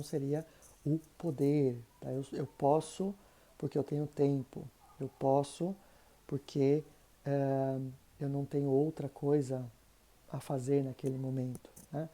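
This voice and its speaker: A woman explains German grammar in a patient, thinking-aloud way. Her voice sits low, with a very dark, mellow tone. She keeps checking that her listener follows. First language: Portuguese. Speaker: German teacher. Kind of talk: explanatory online lesson.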